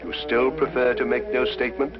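An actor playing a dogged, stolid police inspector with a formal, officious manner in a 1950s television drama. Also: male voice, medium pitch, level tone, fairly quick, natural voice. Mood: formal, stern. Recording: dull 1950s broadcast soundtrack, music behind.

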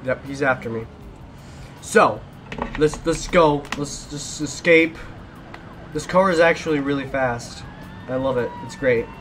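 A man's voice: mid-range voice, a little slow, long pauses, a bit bright, soft background music. A young man giving casual gameplay commentary while driving from police, often repeating himself when things go wrong. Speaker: gaming YouTuber.

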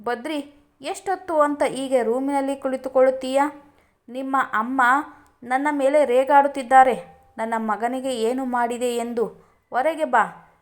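A woman's voice: high-pitched, fairly even intonation, unhurried, a little mellow. A woman voicing a pouting, childish young bride who sulks and whines, in a storybook reading. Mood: coaxing. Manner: pouting, tearful, whiny.

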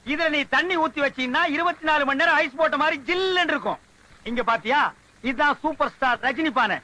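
Boastful potter man, high voice, very bright, fast sales patter. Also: rough recording. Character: boastful village potter man showing off his pots. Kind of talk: film dialogue.

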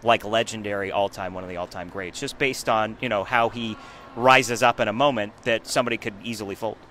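A man's voice: on the low side, brisk, slight background noise. A man in his thirties hosting a casual post-game sports chat, recorded on a phone held at arm's length rinkside in an empty hockey arena. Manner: upbeat, lively, jokey interviewer. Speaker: sports show host.

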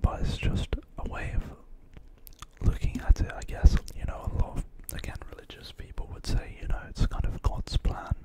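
A young man whispers a pep talk right up against a studio microphone. His voice is all breath, with no tone behind it. He rambles gently and reassuringly, like someone sharing ASMR affirmations. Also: normal speed. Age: 20s. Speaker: ASMR creator. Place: small quiet bedroom. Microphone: close large studio microphone on desk.

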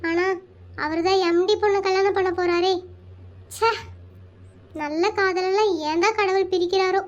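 A performer voicing a caring young woman colleague in a comic cartoon, speaking gently and sympathetically. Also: extremely high pitch, fairly even intonation, normal speed, muffled recording. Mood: concerned.

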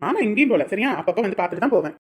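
A woman's voice: medium pitch, animated, rapid-fire, heavy background noise, lightly acted. A woman voicing a firm, determined young village man in a family drama. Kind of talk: Tamil family drama acting.

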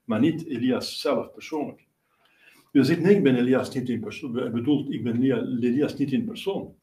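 A man's voice: medium pitch, moderate pace, mellow. A male priest preaching a sermon, explaining at length with many fillers and restarts. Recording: roomy echo, voice from a distance.

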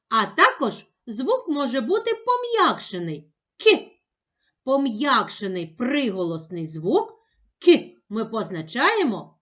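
A woman teaching young children, speaking slowly with exaggerated, sing-song emphasis on each sound and syllable. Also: on the high side, a bit bright. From Ukraine. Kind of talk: slow, clearly enunciated lesson for young children.

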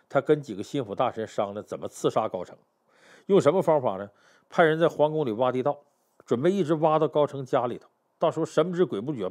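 A man's voice: mid-range voice, darkish tone. A man telling history stories in a chatty way, often asking the listener rhetorical questions. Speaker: history storyteller. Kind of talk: storytelling history talk.

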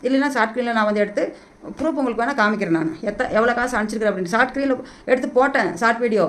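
A middle-aged woman vlogging into a hand-held phone, making an emotional, repetitive plea to be paid back. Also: a little high. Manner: pleading, repetitive, rapid-fire and agitated. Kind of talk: emotional direct-to-camera plea.

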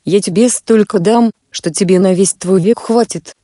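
A woman narrator puts on a boastful male spirit of a fairy tale who threatens and then pleads. The voice is warm and soft rather than bright. It sits in a dry, close recording. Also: medium pitch, normal speed, no room sound, lightly acted. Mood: coaxing.

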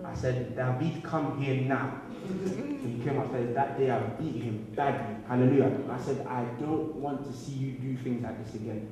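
A man's voice: medium pitch, recorded from a distance. A young man with a handheld microphone giving a testimony sermon to a congregation, often breaking off with "hallelujah" and "amen.". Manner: punctuates sentences with "hallelujah" and "amen". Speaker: church speaker giving testimony. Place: large church hall indoors. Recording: echoey hall recorded from afar.

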